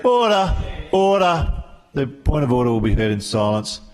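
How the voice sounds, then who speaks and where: Australian man loudly calling for order. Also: fairly low pitch, steady tone, fast talker. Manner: raised voice calling order, firm, curt. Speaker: deputy speaker chairing parliament. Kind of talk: procedural calls to order in parliament. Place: parliament chamber.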